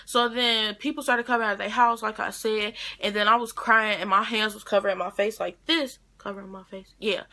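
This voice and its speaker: A woman's voice: fairly high pitch, sharp tone. A teenage girl, retelling a story to her camera in a rambling, chatty way full of restarts. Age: teens. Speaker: vlogger.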